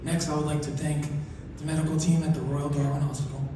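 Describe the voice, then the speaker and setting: A soft-spoken man giving an acceptance speech, his articulation slurred as if one side of his mouth is numb. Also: a little high, flat delivery, fast talker. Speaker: award recipient. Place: large hall through PA. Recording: echoey hall, distant, noisy ambience.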